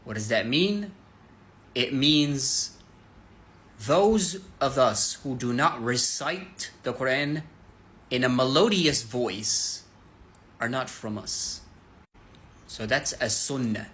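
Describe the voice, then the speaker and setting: A man's voice: mid-range voice, slow pace, long pauses, a bit bright. A man giving an earnest, direct religious lesson, speaking plainly to his listeners and stopping now and then to demonstrate recitation. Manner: breaks into melodic Quran recitation to demonstrate. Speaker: Islamic teacher. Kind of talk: casual religious teaching to camera.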